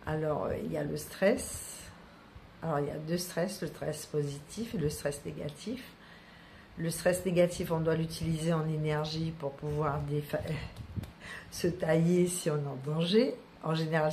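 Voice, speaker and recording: A wellness practitioner from French Guiana speaks in a deep, low voice. She talks casually to her viewers, full of hesitations and repeated words. A faint hiss sits under the recording. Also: dark tone. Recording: faint background noise.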